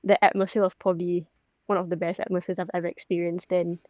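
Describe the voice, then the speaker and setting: Young woman with a low, dry voice. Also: little pitch movement, fast, darkish tone, dry recording. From Singapore. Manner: chatty, many fillers and restarts. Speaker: professional golfer. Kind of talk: casual interview.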